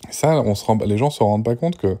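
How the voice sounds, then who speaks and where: A man's voice: fairly low pitch, fast talker, dark tone. A young man, worn out, rambling through a casual voice memo with many restarts. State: exhausted. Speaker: father recording voice diary.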